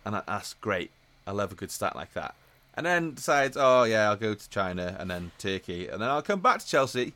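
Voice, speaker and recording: A man's voice: fairly low pitch, a bit bright. A man, co-hosting a podcast and chatting casually and jokily. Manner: chatty, jokey, quick asides. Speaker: podcast co-host. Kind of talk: casual chat.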